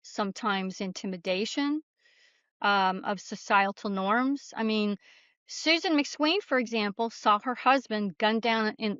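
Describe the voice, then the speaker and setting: A woman with a fairly high, fairly bright voice tells stories casually and conversationally as an author appearing on a podcast. The recording is dry, with a slightly dull, lo-fi quality.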